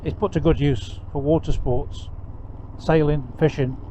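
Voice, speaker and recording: A man's voice: on the high side, steady tone, mellow. Man talking inside a motorcycle helmet. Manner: chatty, unhurried, tour-guide explaining. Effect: muffled inside a motorcycle helmet. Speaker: motorcycle vlogger giving a ride tour. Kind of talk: casual rambling travel commentary while riding. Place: outdoors, riding a motorcycle on country roads. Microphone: microphone inside a helmet. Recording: dull helmet-mic sound with engine and wind noise. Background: motorcycle engine and road noise.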